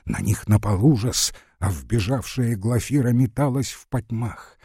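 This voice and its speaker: A man's voice: mid-range voice, unhurried, mellow, husky, no room sound, studio quality. A man narrating a classic novel as an audiobook, building dramatic tension.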